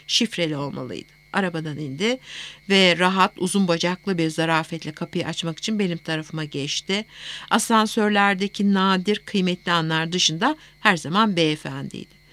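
A woman narrating a first-person romance novel as an audiobook, in a steady, even storytelling manner. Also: on the low side.

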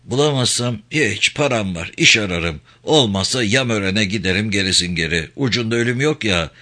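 Stubborn village boy, higher voice, earnest and defiant, guy putting it on in an audiobook. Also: animated, normal speed, pushed and bright. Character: proud, stubborn young village lad.

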